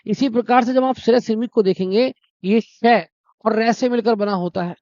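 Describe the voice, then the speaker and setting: A man's voice: high voice, dry recording. Guy teaching an exam prep class, asks himself questions then answers, dry dull lo-fi mic. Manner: explains slowly, asks and answers his own questions; addresses students warmly as brother and friends. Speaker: Hindi teacher.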